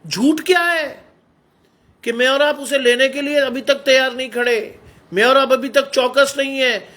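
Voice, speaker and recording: A middle-aged male preacher delivers a sermon in a notably high voice. He exhorts his listeners, pressing them again and again with rhetorical questions. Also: fairly even intonation, moderate pace, bright, forceful tone. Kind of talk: Hindi sermon.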